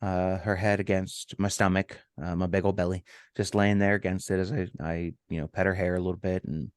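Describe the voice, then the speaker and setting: A middle-aged man with a low voice recounts a personal story for a podcast, stopping and restarting often with ums. The sound is close and dry, with almost no room around it. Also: flat delivery, clean tone, dry recording. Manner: halting, with many ums and restarts. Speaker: podcast co-host.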